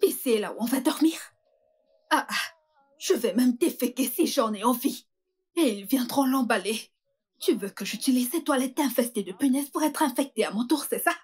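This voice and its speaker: A woman's voice: sits high, lively intonation, normal speed, a little mellow, slightly rough. An actress in a French dub playing a coarse woman prisoner from a poor district, who taunts her new cellmate. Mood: taunting. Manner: taunting, crude and boastful.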